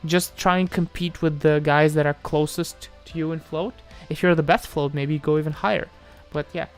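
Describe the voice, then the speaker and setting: A man from Moldova with a fairly high-pitched voice answers chat questions on a livestream at normal speed, with soft music behind him. His intonation is fairly even and his manner casual, though he hesitates, repeats himself often, and trails off.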